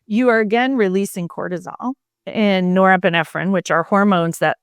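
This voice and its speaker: Reflective woman physician explaining calmly. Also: mid-range voice, moderate pace, clean tone, dry recording. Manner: reflective, explanatory, many fillers. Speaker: physician and mindfulness coach, podcast guest. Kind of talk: conversational interview.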